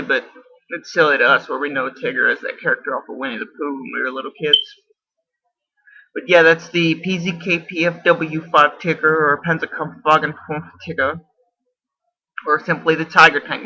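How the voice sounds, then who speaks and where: Casual male video responder, bright piercing tone, rambling and self-correcting, muffled lo-fi mic. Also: on the high side. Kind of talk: casual explaining to camera. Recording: dull lo-fi camera audio.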